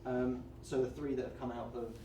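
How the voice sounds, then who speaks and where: A man working as game master, narrating a tabletop game in a halting, explanatory way. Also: mid-range voice, little pitch movement, distant mic, noisy background. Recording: echoey room, off mic, faint music.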